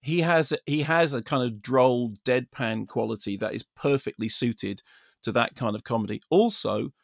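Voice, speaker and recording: A man's voice: mid-range voice, moderate pace, creaky, no echo, studio quality. A British man giving a spoken film review as a critic, discursive and opinionated.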